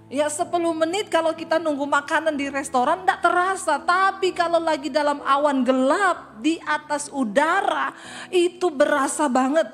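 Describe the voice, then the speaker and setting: A woman pastor from Sulawesi, telling a vivid story in a sermon and acting out her prayers dramatically. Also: high voice.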